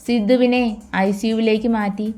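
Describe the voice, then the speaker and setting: A woman with a slightly high voice reads a romance story aloud. Her storytelling is steady and expressive, carrying the scenes along. Soft music sits faintly under her narration. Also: normal speed. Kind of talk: scripted narration of a romance audiobook.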